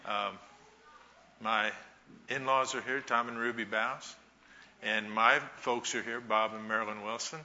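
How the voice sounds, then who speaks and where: A man giving a Mother's Day talk to a church congregation, telling folksy stories with pauses. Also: on the low side, steady tone, pushed and bright, lo-fi sound. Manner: slow, folksy storytelling with pauses. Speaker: church speaker.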